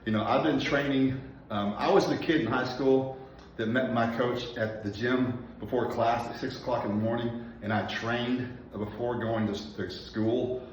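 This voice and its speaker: A man's voice: medium pitch, fairly even intonation, measured pace, a little hiss or hum. A man in his forties talking casually between workout sets, out of breath and enunciating carefully with many fillers. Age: 40s. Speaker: personal trainer. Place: gym, indoors. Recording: echoey, distant, dull gym recording.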